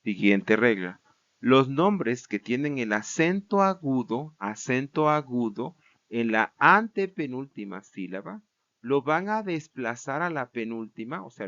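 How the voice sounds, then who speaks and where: A man's voice: medium pitch, a bit bright. Guy giving a greek grammar class, patient, repeats stuff, keeps asking "right?", kinda muffled lo-fi sound. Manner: patient and explanatory, with frequent checks like "¿vale?" and "¿no?"; repeats words and restarts while explaining. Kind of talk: recorded lecture.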